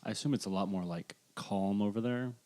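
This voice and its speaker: A man's voice: on the low side, a little fast, darkish tone. A man hosting a podcast, chatting casually in a joking, self-deprecating way. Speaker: podcast host.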